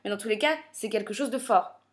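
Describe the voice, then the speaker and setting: A woman's voice: mid-range voice, a little fast. A woman reviewing a manga chapter in casual commentary, thinking aloud with lots of fillers and self-corrections, and making playful teasing asides.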